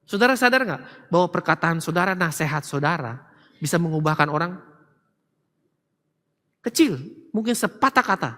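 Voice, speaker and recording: A high-voiced, bright-toned man preaching in a large church hall, his voice ringing with long reverb. He is a middle-aged pastor who talks animatedly and slips into quoted voices of his family. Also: lively intonation, normal speed, long pauses. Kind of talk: sermon.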